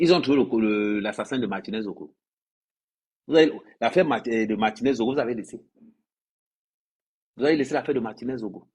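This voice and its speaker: A social media influencer from Cameroon uses his livestream to rant at followers, telling them off and drilling phrases home by saying them again and again. The voice is medium-pitched, a little mellow, with some breathiness.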